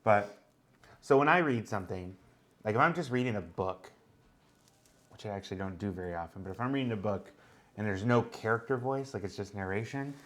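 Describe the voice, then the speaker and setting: A man's voice: lowish voice, expressive, brisk, a bit bright. Man explaining things, thinking aloud. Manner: explains at length, thinking aloud with many fillers. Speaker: co-host. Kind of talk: casual chat.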